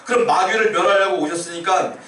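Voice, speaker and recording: A man's voice: sits high, a little fast, a bit bright. A male pastor preaching a sermon, explaining step by step and asking the congregation questions. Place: church sanctuary. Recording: roomy church sound from a distant mic.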